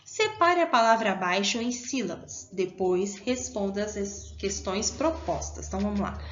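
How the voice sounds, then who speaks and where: A woman's voice: medium pitch, animated, normal speed, dull audio. A Brazilian woman teaching a primary school class online, patient and encouraging, asking the children questions as she goes. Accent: Brazilian Portuguese.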